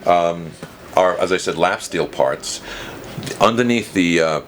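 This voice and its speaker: A man in his fifties takes his time, his voice low, as he casually explains things in a storytelling style, much as a dealer would to a visitor. The setting is a small, cluttered guitar shop indoors, recorded noisily on a handheld camera with its mic a little way off.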